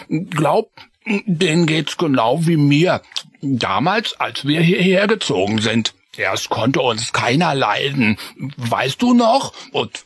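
A man's voice: a little high, fairly bright tone, husky, no echo, voice pushed up, exaggerated voice. Freddy, a mumbling field mouse boy, a man doing it.

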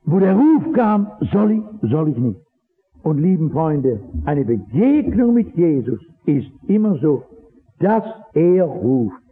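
A man preaching a sermon, impassioned, swinging from loud exhortation to low earnest asides. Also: big pitch swings, slow pace, slightly rough, soft background music. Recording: tinny old radio broadcast.

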